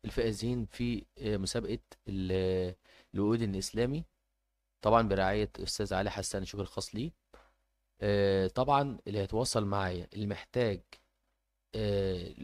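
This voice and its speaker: A man's voice: on the low side, darkish tone. A man with an Egyptian Arabic accent announcing a giveaway informally as host, hesitating and repeating himself as he goes.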